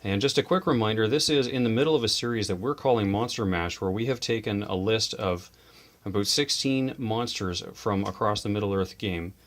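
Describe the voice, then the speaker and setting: A deep-voiced man who hosts a tabletop wargame channel explains game rules. It's casual explanatory chat about models and rules, delivered in a chatty, enthusiastic way with quick asides.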